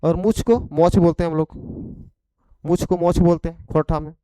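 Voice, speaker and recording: A man's voice: fairly high pitch, fairly even intonation, normal speed, mellow, smooth, dry recording, rough recording. A man with a Khortha accent teaching an exam prep vocabulary lesson, repeating each point and checking in after it.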